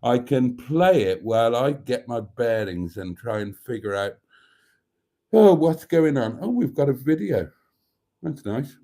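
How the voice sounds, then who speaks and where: A British man with a mellow, soft-edged voice and a campy drag-queen delivery. He hosts a livestream in a rambling, cheeky way, tripping over himself with flustered exclamations and saucy asides. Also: medium pitch, animated, unhurried. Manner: flustered, self-interrupting, sweary. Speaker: host of an after-party livestream.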